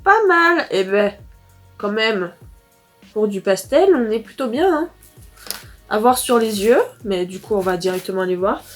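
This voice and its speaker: A woman's voice: mid-range voice, sing-song, measured pace, pauses often, soft background music. A teenage girl from France chatting casually through a makeup palette review, rambling with fillers and self-corrections. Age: teens. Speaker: beauty vlogger.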